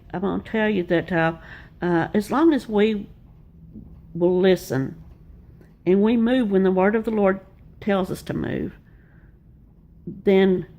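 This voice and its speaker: A woman's voice: medium pitch, darkish tone. An older woman, giving a homespun devotional sermon and telling personal stories in an earnest way. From Arkansas, US. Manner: earnest, homespun storytelling with repeated refrains. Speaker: Bible teacher.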